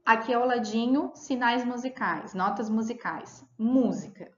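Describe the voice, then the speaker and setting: A woman with a slightly high voice teaches a remote lesson at an unhurried pace, patiently explaining and repeating key words amid fillers. The audio is roomy, dull, and lo-fi.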